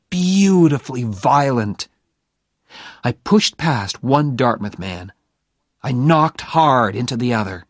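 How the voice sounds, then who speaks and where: Slow, expressive male story reader. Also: medium pitch, no echo, studio quality. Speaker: audiobook narrator. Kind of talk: first-person story reading for learners.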